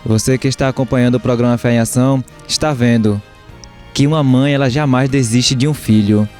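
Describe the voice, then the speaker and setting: A man's voice: medium pitch, steady tone, fairly quick, darkish tone, faint music behind. A man from northeastern Brazil hosting a religious TV program, speaking in a preacher-like manner with frequent hallelujahs. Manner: preacher-like, interjects "aleluia". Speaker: TV program host. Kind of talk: religious TV interview.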